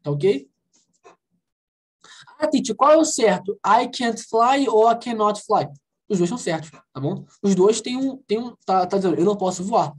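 Lively Brazilian teacher drilling a class. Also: female voice, medium pitch, slightly rough. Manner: lively, coaxing, asks the class questions and drills phrases slowly. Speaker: English teacher. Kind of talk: online class explanation. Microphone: video call.

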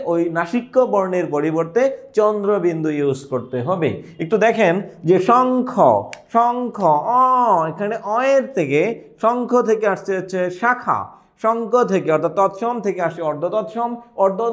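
A young man teaching a lesson, asking questions and answering them himself while repeating key words. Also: high-pitched. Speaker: exam prep teacher. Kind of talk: lecture.

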